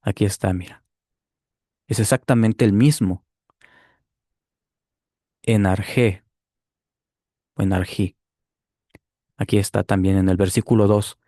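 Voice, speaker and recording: A man giving a deliberate Bible commentary, explaining step by step and checking in with the listener. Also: fairly low pitch, steady tone, warm tone, no echo, studio quality. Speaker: Bible teacher rebutting a clip. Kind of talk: apologetics commentary.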